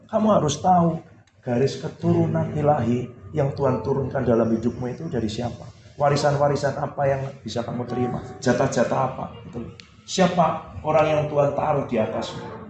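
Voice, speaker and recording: A man preaching a sermon as pastor, in an easygoing, conversational way, often tagging his sentences with "gitu ya". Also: medium pitch. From Indonesia. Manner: conversational, repeats "gitu ya" a lot. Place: church hall. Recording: roomy hall with music behind.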